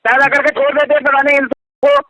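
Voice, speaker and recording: A man's voice: extremely high pitch, level tone, fairly quick, pushed and bright, dry recording. A man recovery agent on a recorded phone call, insulting and abusive.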